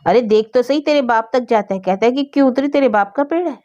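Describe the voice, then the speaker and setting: A woman's voice: a little high, quick pace, dark tone, dull audio, pitched above the performer's own voice, lightly acted. A woman voicing a quarrelsome old grandmother who nags and scolds. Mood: scolding. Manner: scolding, nagging.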